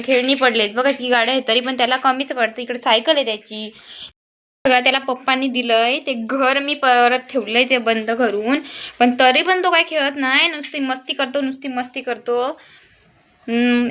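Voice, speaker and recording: A woman's voice: a little high, sharp tone. A young woman, a mother from Maharashtra, chatting casually to viewers in a family home vlog, often cooing to her baby. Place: home, indoors.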